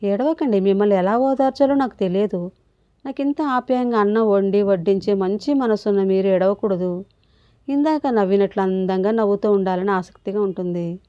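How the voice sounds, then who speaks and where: A woman's voice: medium pitch, moderate pace, dry recording, highs cut off, close to an everyday voice. A woman reading the part of a kind, earnest young man, speaking in a comforting way.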